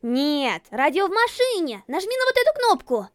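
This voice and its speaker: A woman's voice: very high voice, very animated, moderate pace, pitched above the performer's own voice. A woman doing a brash, reckless girl driver. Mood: bossy. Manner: bossy and brash, barking orders. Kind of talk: storybook reading.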